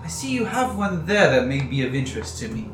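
A man voicing a sinister male slave buyer who talks in a slow, measured, menacingly polite way. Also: medium pitch, very animated, lightly acted. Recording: echoey room with music behind.

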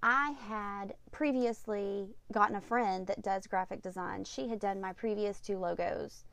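An upbeat woman gives tidy, casual advice in the manner of a vlogger hosting her own podcast. Her voice sits at an average female pitch with plenty of vocal fry. The recording is close and dry. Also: fairly even intonation, unhurried, fairly bright tone, no room sound. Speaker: podcast host.

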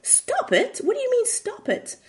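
A woman voicing an anxious, fretful female patient in a retold comedy sketch, pleading and slightly higher-pitched. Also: expressive, moderate pace, warm tone, close to an everyday voice.

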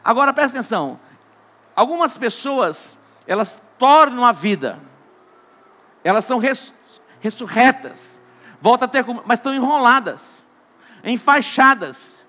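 A man with a Brazilian Portuguese accent preaching a sermon, telling jokes and stories, dropping to a hush and then rising to loud emphasis. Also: very high voice, expressive, unhurried, pauses often. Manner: joking storyteller, shifts between hushed and loud emphatic. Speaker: pastor.

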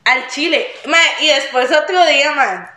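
A young woman with a Costa Rican accent telling a story in casual chat, acting out her own wailing in a high strained voice. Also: animated, measured pace, reverberant, heavy background noise. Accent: Costa Rican Spanish. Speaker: podcast co-host.

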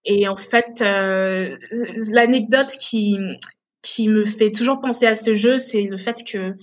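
A woman in her late twenties, born in Togo and raised in Benin, appears as a hesitant guest on a casual podcast interview. She talks slowly in a medium-pitched voice, using many fillers and often restarting her sentences.

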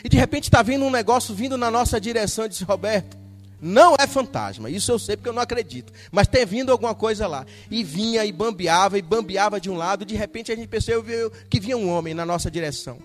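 A Brazilian pastor preaching a sermon, retelling a story with lively acted-out dialogue. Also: male voice, sits high, fast talker, long reverb tail, faint music behind. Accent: Brazilian Portuguese. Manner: animated storytelling, acting out dialogue.

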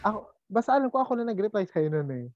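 A woman chatting casually with a friend, teasing and lively. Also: mid-range voice, rapid-fire, no room sound, muffled recording. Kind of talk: casual chat.

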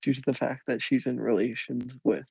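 A teenage boy co-hosting a podcast, trading teasing, deadpan jokes with his friend. His voice has a gravelly, husky grain. The recording is close and dry, with no room sound. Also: medium pitch, moderate pace, no room sound, dull audio. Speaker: podcast co-host. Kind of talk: casual chat.

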